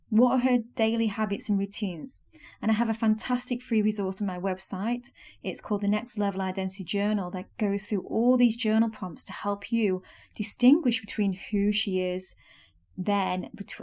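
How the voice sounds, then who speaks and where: A young woman talks straight to her listeners in a solo podcast. Her voice is mellow and warm, and her tone is earnest and coaching. She uses the soft wording of self-help talk. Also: medium pitch. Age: young adult. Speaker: podcast host.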